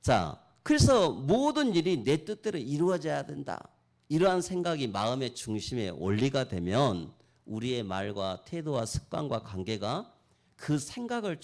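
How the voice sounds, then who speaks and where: Gravelly-voiced preacher, lively swings. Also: male voice, mid-range voice. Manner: preaching with sudden loud and soft swings, acting out prayers. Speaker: pastor. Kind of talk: sermon. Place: church sanctuary.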